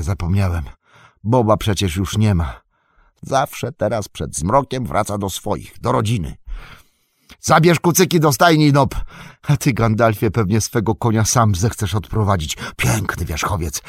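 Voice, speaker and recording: A man voicing a bustling, talkative old male innkeeper who scolds and fusses loudly in an audiobook reading. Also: on the low side, no room sound, studio quality, pitched above the performer's own voice. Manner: loud, scolding, fussy. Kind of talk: audiobook character voice.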